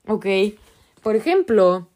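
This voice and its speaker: A woman's voice: medium pitch, big pitch swings, slow pace, dark tone. A woman with a Mexican accent hosting a podcast, giving an earnest, impassioned motivational talk in casual slang, with frequent restarts. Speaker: podcast host.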